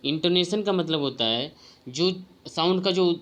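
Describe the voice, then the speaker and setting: Male tutor, exam-prep lecture, bright, forceful tone, asks and answers his own questions. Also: sits high, unhurried.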